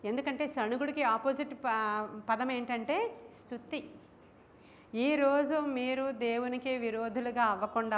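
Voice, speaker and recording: A woman's voice: a little high, slight background noise. A woman pastor with a Telugu accent, preaching a sermon to her congregation and asking them questions. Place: church.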